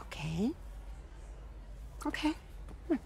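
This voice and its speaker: Very expressive, caring Aunt May. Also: female voice, fairly high pitch, takes it slowly, vocal fry, a little hiss or hum, exaggerated voice. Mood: concerned, coaxing. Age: older. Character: caring, gently prying older aunt. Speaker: video game character. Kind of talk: naturalistic cinematic game acting.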